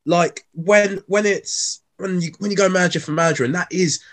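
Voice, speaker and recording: A man's voice: high voice, a little fast, a bit bright. A man co-hosting a football podcast, blunt and dry in casual chat. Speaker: podcast co-host.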